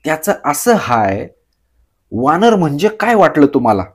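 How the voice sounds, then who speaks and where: A man voicing a sly joking villager who drawls slowly and teases. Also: a little high, animated. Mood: teasing. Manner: slow, drawling, teasing, throat-clearing. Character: sly joking male villager, slow teasing talker.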